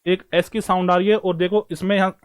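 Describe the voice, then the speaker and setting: A man's voice: high voice, flat delivery, fairly quick, clean tone. A man teaching stenography in an online class, talking to his students as brothers and friends while he writes strokes and explains them.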